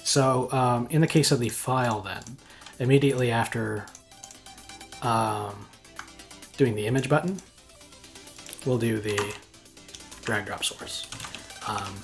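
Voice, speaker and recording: A man's voice: medium pitch, gravelly, faint music behind. Man thinking aloud while coding. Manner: thinks aloud, halting with ums and restarts. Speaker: game engine programmer. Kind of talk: live coding walkthrough.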